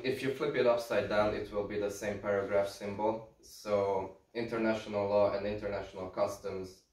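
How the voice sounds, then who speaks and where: A man from Hungary in his thirties giving a guest lecture to a class, relaxed and explaining steadily with dry humour. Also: fairly low pitch. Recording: echoey classroom from far off, faint hiss.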